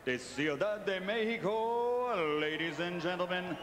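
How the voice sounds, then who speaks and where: A man's voice: sits high, animated, measured pace. A man working as a boxing ring announcer, theatrical and showman-like, stretching out names in a grand fight-night delivery. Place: large indoor boxing arena. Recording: echoing arena PA with clear background noise.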